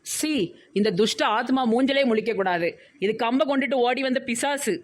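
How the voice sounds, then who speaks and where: A woman's voice: on the high side, moderate pace, natural voice. A woman voicing a mischievous, playful young teacher in a cartoon, with a Tirunelveli Tamil accent and a teasing, sarcastic manner. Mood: sarcastic sulking.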